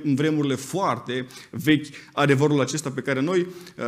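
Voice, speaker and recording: A man delivering a sermon as a pastor in a church, his voice pitched a little higher than most men's. He preaches with emphasis and speaks straight to the congregation, calling on members of the church by name.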